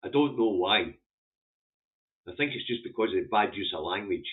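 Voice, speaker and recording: This man, a vlogger reviewing the day's newspaper front pages, offers casual, opinionated commentary in a blunt, sweary, rambling style and a broad Scottish accent; Scots is his first language. His voice is on the low side with lively intonation at a normal speed. The audio sounds muffled and narrow-band, like a phone.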